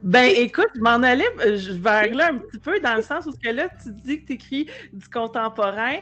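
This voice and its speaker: A woman's voice: fairly high pitch, animated, fairly quick, a bit bright, soft background music. A woman with a Québécois accent hosting a casual podcast interview, enthusiastic and affirming. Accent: Québécois French. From Quebec. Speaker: podcast host.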